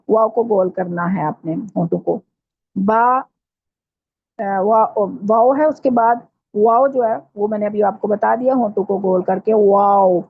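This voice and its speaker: A woman teaching a recitation class online, explaining patiently step by step and slowing right down to model each sound. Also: mid-range voice, vocal fry, breathy edge. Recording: dull lo-fi audio.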